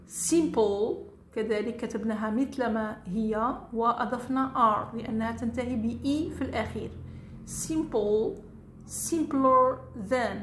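Slow, clear-spoken woman teacher. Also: a little high, a bit bright. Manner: spells out words slowly, switches between English and Arabic. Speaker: English teacher. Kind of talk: slow classroom grammar lesson. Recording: echoey room.

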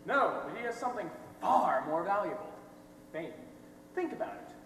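This amateur stage performance, recorded distantly in a noisy, reverberant theatre, features a young adult man as a brash, fast-talking reporter exposing a scandal. His slick, dramatic delivery is heavily acted and a bit bright, with big pitch swings at normal speed and slangy, emphatic, theatrical bursts of words.

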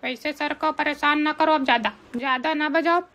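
A woman's voice: sits high, fairly even intonation, moderate pace, close to an everyday voice. Woman playing a teasing cheeky student. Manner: teasing, sing-song mockery. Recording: noisy home recording.

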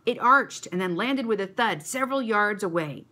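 Animated woman reading a children's story. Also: mid-range voice, normal speed. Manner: expressive, animated.

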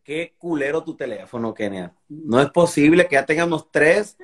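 A man's voice: a little high, lively intonation, moderate pace. A Mexican man in his forties hosting a live video call, joking crudely and swearing a lot while chatting and telling a joke. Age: 40s. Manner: crude, joking, heavy profanity. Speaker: host of a live video chat. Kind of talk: casual chat and joke telling. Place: indoors at home.

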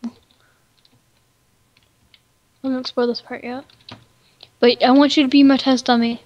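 A woman's voice: high-pitched, flat delivery, fairly quick, lo-fi sound. A woman chatting casually while playing a game, playful and teasing, often giggling. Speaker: gamer co-host. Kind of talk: casual gameplay chat.

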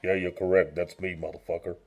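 Man through a deep voice changer. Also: fairly even intonation, a little fast, a little mellow. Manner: crude, menacing trash talk. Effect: deep pitch-shifting voice changer. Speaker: game roleplayer. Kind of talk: casual in-game roleplay chat.

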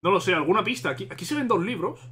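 A man with a Spain Spanish accent reacts excitedly to a game trailer, thinking aloud and repeating himself. His voice sits high and he talks at a racing pace.

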